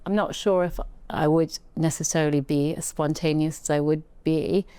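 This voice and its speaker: Woman guest on an interview show, lowish smooth voice, reflective, keeps restarting her sentences. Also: steady tone, normal speed, dry recording. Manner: reflective, with frequent restarts and soft laughs. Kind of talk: casual interview conversation.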